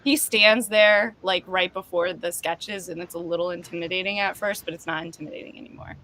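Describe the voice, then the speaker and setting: A woman's voice: fairly low pitch, a little hiss or hum. A woman, chatting as a comedian guest in an interview, bursting with enthusiasm. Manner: excitable, quick bursts of enthusiasm. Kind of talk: casual interview chat.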